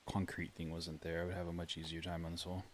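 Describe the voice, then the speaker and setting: A man's voice: deep voice, completely flat delivery, quick pace, slight background noise. A young man from rural Illinois streaming a game, chatting casually with his viewers while he plays. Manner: chatty, talks to chat while playing. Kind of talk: casual gameplay commentary.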